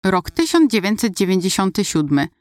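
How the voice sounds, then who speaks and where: A woman narrating her own memoir in the first person, in a measured, reflective way. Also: medium pitch, very animated, a little mellow, no echo, clean studio sound.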